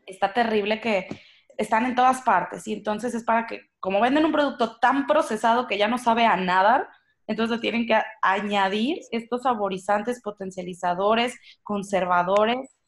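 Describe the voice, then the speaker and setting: A woman's voice: fairly high pitch, moderate pace. Earnest woman podcaster. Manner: earnest, warns parents directly. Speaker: podcast co-host. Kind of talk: casual podcast chat.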